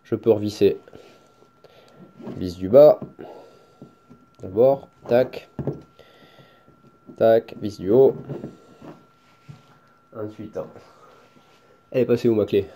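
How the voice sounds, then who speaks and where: A man's voice: lowish voice, slow, pauses often, warm tone, slight background noise. A man with a Toulouse accent casually showing and explaining a hobby item, hesitant with many fillers and restarts. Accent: Toulouse French. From France. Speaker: hobbyist showing his lightsaber. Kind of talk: casual show-and-tell.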